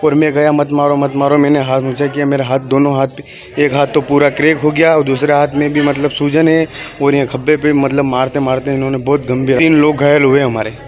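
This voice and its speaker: A man from a village telling an interviewer about an attack, halting and repeating himself. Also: mid-range voice, little pitch movement. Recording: muffled lo-fi sound.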